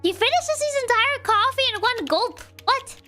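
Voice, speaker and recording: A woman's voice: extremely high pitch, animated, normal speed, pushed and bright, faint music behind. A woman streaming a game, casually and playfully thinking aloud and talking to the game as she plays. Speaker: gaming streamer. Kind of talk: casual commentary while playing a game.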